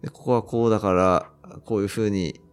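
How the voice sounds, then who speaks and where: A man co-hosting a podcast, listening attentively and musing slowly in casual chat. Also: lowish voice, steady tone, clean tone. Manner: attentive listener, reflective, slows down when musing. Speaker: podcast co-host.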